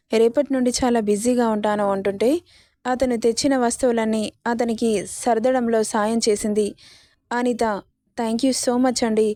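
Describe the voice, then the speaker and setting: Higher-voiced woman reading a story. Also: warm tone, dry recording, clean studio sound. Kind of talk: scripted story narration with quoted dialogue.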